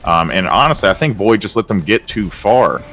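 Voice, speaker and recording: A man doing excitable play-by-play commentary for an esports match, with casual filler words. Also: lowish voice, gravelly. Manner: excitable, gets louder and faster in big plays. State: out of breath. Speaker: esports caster.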